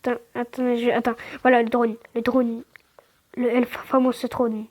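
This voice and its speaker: Excitable stammering woman gamer. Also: on the high side, normal speed. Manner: stammers, restarts words; excitable outbursts, slangy. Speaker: gaming channel host. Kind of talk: casual gameplay commentary.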